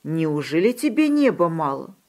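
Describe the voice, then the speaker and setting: A woman voicing a small, eager young male kid goat in a children's storybook, with a high, excited, childlike voice. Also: moderate pace. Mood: curious.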